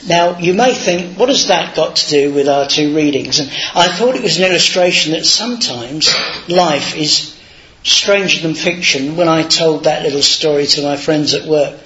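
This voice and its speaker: A man's voice: on the high side, moderate pace, sharp tone, a little hiss or hum. A man giving an informal, anecdotal sermon in a chatty, self-deprecating way, on a dull lo-fi recording. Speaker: lay preacher.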